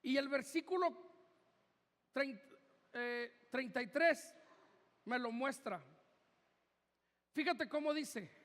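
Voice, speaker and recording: A man's voice: very high-pitched, slow, pauses often, fairly bright tone. A man with a Mexican Spanish accent, preaching a sermon as pastor in a church, conversational and joking with the congregation. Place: church hall. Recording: reverberant hall.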